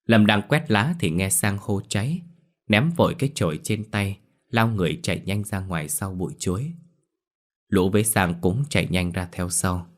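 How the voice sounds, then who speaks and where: A man narrates a spooky audiobook tale in a steady storytelling manner. His voice sits very low. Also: normal speed.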